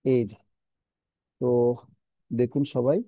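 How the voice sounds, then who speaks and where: A man teaching a scripture class, chanting verses slowly and then explaining their pronunciation step by step. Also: mid-range voice, little pitch movement, warm tone, breathy edge, no room sound.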